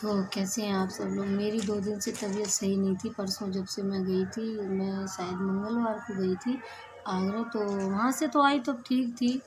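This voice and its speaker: A woman's voice: mid-range voice, flat delivery, moderate pace, background noise. A woman vlogger chatting casually to camera in a rambling, homely way while recovering from a cold.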